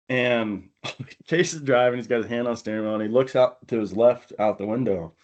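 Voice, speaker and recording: A man hosting a podcast, telling a hunting story in a casual, animated way and laughing often. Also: mid-range voice. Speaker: podcast host.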